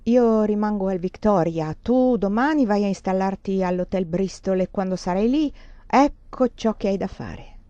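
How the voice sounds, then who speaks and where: A woman's voice: mid-range voice, moderate pace, mellow, no room sound, lightly acted. A woman voicing a menacing, scheming man who talks in cold, insistent threats in a literary reading. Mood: coldly menacing. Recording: dull lo-fi dry sound.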